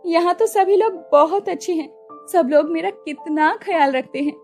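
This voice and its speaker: A timid young bride, as a woman voices her in a cartoon story. She talks softly, anxiously and politely in a high voice, with faint music underneath. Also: normal speed. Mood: earnest.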